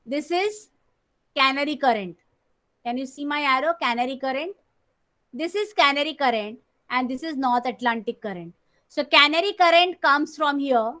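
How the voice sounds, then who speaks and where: A woman teacher with a Marathi accent, explaining slowly in an online class, heard on a screen recording of the call. She repeats key terms and often clears her throat. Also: high-pitched, lively intonation, pushed and bright.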